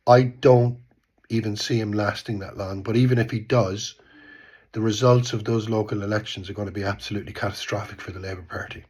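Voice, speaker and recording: The recording sounds muffled, and the man's voice is husky, a little mellow and fairly low, delivered fairly quickly with fairly even intonation. He's an Irish vlogger in his fifties, congested from a cold, rambling through casual political commentary at home in Bristol, repeating words and trailing off with "type thing."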